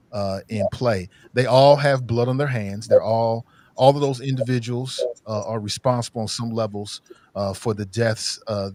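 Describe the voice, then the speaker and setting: A man's voice: medium pitch, no room sound. A man who is a bit under the weather, hosting a livestream podcast with conversational, opinionated news commentary on a close livestream mic. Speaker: podcast host.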